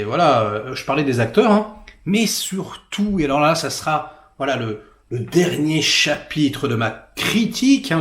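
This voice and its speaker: Sarcastic French-speaking man in an echoey room. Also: fairly high pitch. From France. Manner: vulgar, sarcastic, many fillers. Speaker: film critic. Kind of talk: casual rant-style movie review.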